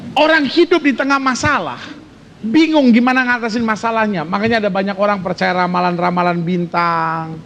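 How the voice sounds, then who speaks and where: A man preaching a sermon as pastor, lively and joking, quizzing his congregation. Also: high voice, fairly quick, gravelly, a little hiss or hum.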